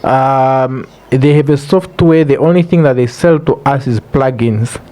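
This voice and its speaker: Mellow-voiced Namibian man explaining earnestly. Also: medium pitch, a little slow. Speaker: podcast guest. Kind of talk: casual explanatory interview talk.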